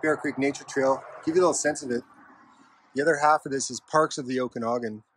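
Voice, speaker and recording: A man with a slightly husky voice gives casual, unhurried, offhand narration to his camera while walking a trail outdoors. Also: medium pitch, steady tone, slight background noise, low-quality recording. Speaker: hiking vlogger. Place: outdoors on a park trail with a stream nearby.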